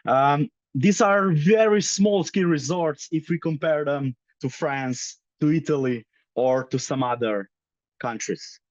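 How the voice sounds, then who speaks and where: A man's voice: on the high side, slow, dry recording, highs cut off. A young man from Slovenia giving a conference presentation as head of a ski demo team, hesitant with many fillers. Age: young adult.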